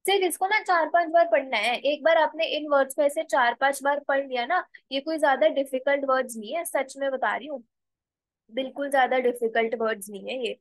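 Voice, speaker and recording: A woman teaching a spoken language lesson, slowly repeating words and spelling them out letter by letter. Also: sits high, no echo, poor audio. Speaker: English teacher.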